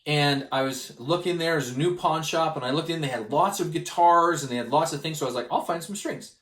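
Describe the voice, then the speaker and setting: A man from Canada presenting a gospel study lesson, telling a personal story with lively delivery and acting out the people in it. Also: fairly high pitch, fast talker, reverberant. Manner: animated, acts out the people in his stories.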